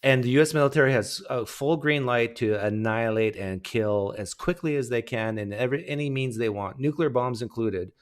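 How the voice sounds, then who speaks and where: A man's voice: mid-range voice, clear, resonant tone. A man hosting an open online call, talking casually and joking through a religion debate. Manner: joking, loose, drawn-out talker. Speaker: host of an open online hangout.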